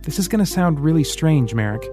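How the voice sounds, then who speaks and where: A man reads a composed, secretive mentor in an audiobook, explaining in measured, mysterious tones. The voice sits a little higher than the narration, with faint music playing behind. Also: expressive, lightly acted. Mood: confiding.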